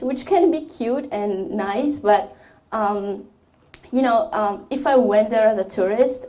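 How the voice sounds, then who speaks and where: Young woman, from Ethiopia, mellow voice, hesitant, many restarts, personal talk. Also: mid-range voice. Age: young adult. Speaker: student speaker. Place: college event room.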